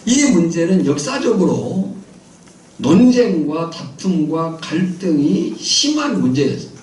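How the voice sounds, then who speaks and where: A man delivers a sermon in a fairly high voice, firing questions at his congregation and chanting lists of phrases back to them. The sound is roomy and distant, picked up from across a small church, with a faint hum of ambience behind it. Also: big pitch swings, slow, darkish tone. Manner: quizzes the congregation with call-and-response questions; repeats key phrases in a rhythmic list. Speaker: pastor.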